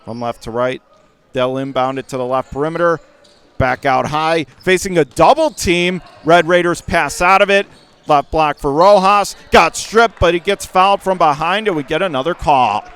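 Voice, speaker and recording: Calling a basketball game play by play for radio, a man speaks rapidly in a smooth, resonant voice pitched slightly high, rising to shouts on big plays. A ball can be heard bouncing in the background.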